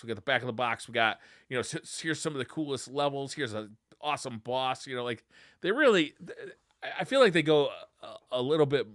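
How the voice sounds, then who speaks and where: This is a podcast co-host chatting casually and enthusiastically about video game news, using informal, slangy language. His medium-pitched voice has a fairly bright tone, captured in studio quality without echo.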